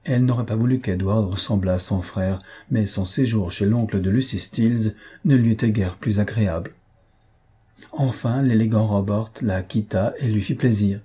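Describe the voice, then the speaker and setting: A man reading a classic novel aloud in a measured, even storytelling manner. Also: on the low side, husky. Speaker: audiobook narrator.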